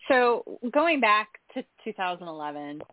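A woman's voice: mid-range voice, sing-song, measured pace, no room sound. A woman hosting a podcast interview, conversational and affirming as she asks her questions. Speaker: podcast host. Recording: dry, tinny phone-like line.

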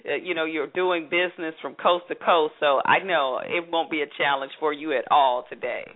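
A woman with a low, steady voice hosts an interview show at a normal speed, chatting with plenty of fillers. She's heard over a narrow-band phone line.

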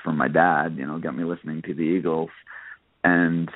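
This Nova Scotian guest musician, a country singer and guitarist, has an extremely low voice that stays level and moves at a normal pace. His casual interview replies come out hesitantly, full of hedges and "you know," and the audio is a narrowband radio line that sounds like a phone.

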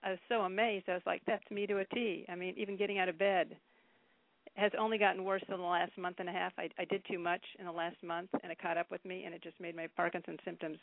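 A woman in her fifties calling in to a talk show, rambling with halting restarts. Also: lowish voice, little pitch movement, gravelly, dry recording. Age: 50s. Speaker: caller. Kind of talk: casual phone chat. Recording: dry phone line.

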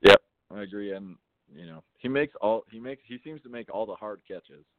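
A man's voice: fairly low pitch, moderate pace, no echo. A man calling in to a radio show over the phone, chatting casually and agreeably about sports. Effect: heard over a phone line. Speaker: radio call-in caller. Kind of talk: casual sports fan chat. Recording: tinny dry phone line.

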